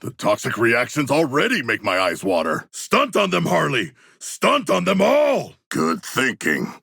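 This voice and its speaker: Game creature role: massive shark-man warrior, rough gravel and hard edge, dry close sound, solemn formal phrasing, proud and sincere. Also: medium pitch, huge pitch swings, a little slow, pushed and bright, dry recording, heavily acted. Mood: battle-ready, forceful. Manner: stilted formal diction, earnest, declamatory. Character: huge humanoid shark warrior, formal, earnest, proud and literal-minded. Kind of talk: video game character voice lines.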